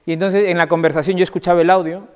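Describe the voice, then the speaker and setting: Higher-voiced man lecturing in a reverberant hall. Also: little pitch movement, very fast, clean tone, dull audio. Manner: conversational, anecdotal, often asks the audience for agreement. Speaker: doctor giving a lecture. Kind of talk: conference talk to an audience. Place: parish hall.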